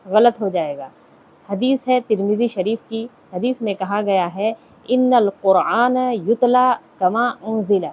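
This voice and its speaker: A woman teaches a recitation lesson at a medium pitch. She poses questions and answers them herself, and she slows down to draw out each example word. The recording sounds slightly dull and lo-fi. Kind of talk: classroom-style lesson with questions to listeners.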